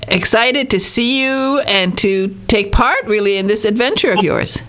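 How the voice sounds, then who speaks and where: A woman asking questions and sharing her own travel memories in an easy, chatty way. She breaks into light laughs mid-sentence, with a voice of ordinary middle pitch. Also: lively intonation, unhurried, fairly bright tone. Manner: chatty, laughs between words. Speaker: interviewer. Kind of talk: casual interview chat.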